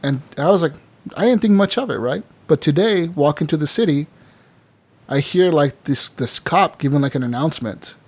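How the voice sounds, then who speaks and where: A man with a slightly high voice chats on a gaming podcast, retelling what happened in his game with lots of swearing. He talks in loose, animated bursts packed with filler words. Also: moderate pace. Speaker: podcast co-host. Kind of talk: casual gaming podcast chat.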